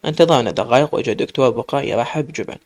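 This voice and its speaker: A man's voice: medium pitch, racing. A man with an Iraqi accent reading a dramatic story aloud, with emotional first-person narration.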